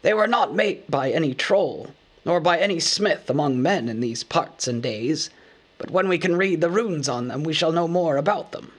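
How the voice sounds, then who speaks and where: Man doing old wizard, stern, impatient, brisk, raised pitch, altered timbre. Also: lively intonation. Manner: brisk, scolding, matter-of-fact. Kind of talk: audiobook character voice.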